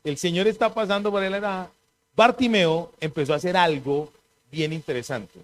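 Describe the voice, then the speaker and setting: A man delivers a sermon in a high-pitched voice. He asks the congregation questions, waits for them to answer, and acts out the voices of other people. His preaching swings between soft, quick asides and loud proclamations. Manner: call-and-response preaching, mimics voices, rises to shouting. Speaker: pastor.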